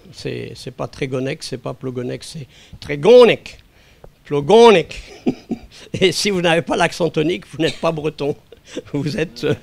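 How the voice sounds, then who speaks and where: A man speaking as an expert witness, explaining calmly and hesitating often with small chuckles. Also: on the high side, gravelly. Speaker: linguist giving expert testimony. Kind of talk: lecture-style talk to a council. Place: meeting room.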